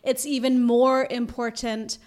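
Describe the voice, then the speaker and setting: A woman's voice: on the high side, little pitch movement, unhurried, a little mellow. A woman from Canada chatting casually, telling stories with hesitant restarts. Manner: hesitant, self-correcting storyteller. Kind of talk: casual chat.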